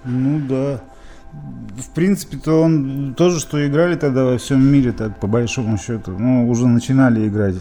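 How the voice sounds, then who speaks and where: A man's voice: medium pitch, normal speed, dark tone, soft background music. A man from Izhevsk, Russia, a musician being interviewed, talking in a rambling way with many fillers and restarts. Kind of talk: casual interview reminiscing.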